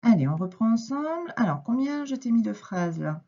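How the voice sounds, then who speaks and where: Woman schoolteacher, French accent, slightly husky, clear explanations, lo-fi recording. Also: fairly high pitch, big pitch swings, dark tone. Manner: slow, clear, patient explaining with stretched words. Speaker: primary school teacher. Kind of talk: reading lesson for young children. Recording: dull, lo-fi home recording.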